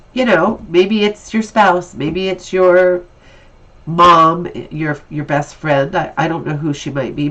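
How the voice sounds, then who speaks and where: A woman's voice: lowish voice, low-quality recording. Stuffy-nosed woman giving a cheerful tarot reading. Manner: upbeat, encouraging, chatty. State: stuffy and nasal from allergies. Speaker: tarot reader. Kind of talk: casual weekly tarot reading.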